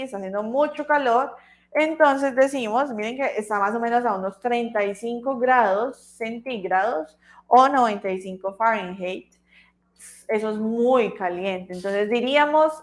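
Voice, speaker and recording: A woman teaching an English class online, her voice sitting a little high for a woman. She speaks slowly and deliberately, repeating each word so her students can catch the pronunciation. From Colombia. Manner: slow, careful, repeats words for pronunciation. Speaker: English tutor.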